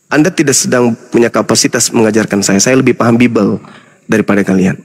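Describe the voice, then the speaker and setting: A man's voice: mid-range voice, quick pace. A man, an Islamic preacher, in a heated interfaith debate, lecturing insistently and talking over the other man.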